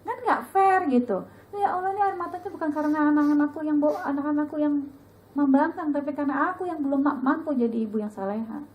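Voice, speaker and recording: A middle-aged woman giving a casual religious talk to a women's study group, lively and chatty, acting out bits of dialogue. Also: fast, highs cut off, slight background noise. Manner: lively, chatty, acts out dialogue with sudden high pitch.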